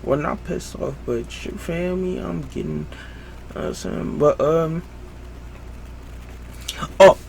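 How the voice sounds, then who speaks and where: A man's voice: a little high, creaky, a little mellow, slight background noise. A young man hosting a solo podcast at home late at night, rambling casually with lots of fillers and breaking off his own sentences. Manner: loose, self-interrupting, lots of fillers; slow, drowsy late-night talk.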